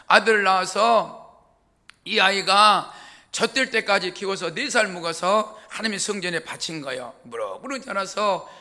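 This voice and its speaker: A man's voice: high voice, bright, forceful tone. A male pastor, preaching in a folksy, joking storytelling way. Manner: folksy, joking, laughs at own jokes. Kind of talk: humorous storytelling sermon.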